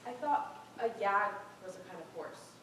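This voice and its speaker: A young woman playing a troubled teenage schoolgirl, speaking in an earnest, halting way in a community stage play. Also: medium pitch, animated, background noise, close to an everyday voice. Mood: remorseful. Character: troubled teenage girl student giving a speech. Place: theater stage. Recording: echoey hall from far off.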